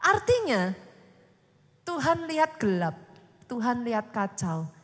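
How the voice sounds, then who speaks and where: A woman pastor preaching a sermon, animated and constantly addressing the congregation, acting out quoted speech with dramatic swings. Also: a little high, takes it slowly, in a large hall. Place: church.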